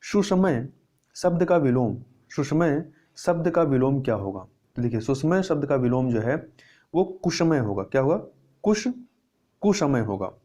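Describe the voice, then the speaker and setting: A man's voice: mid-range voice, sing-song, unhurried, warm tone. Man explaining Hindi exam questions. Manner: explains step by step, repeats answers, asks and answers his own questions. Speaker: Hindi teacher. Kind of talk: exam prep lesson.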